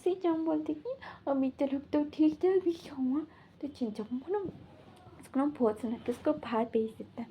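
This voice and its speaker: A woman's voice: high voice, moderate pace, warm tone. A woman casually retelling a romance story in a loose, chatty way, at times dropping to a whisper for tender lines. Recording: slightly dull audio with faint hiss.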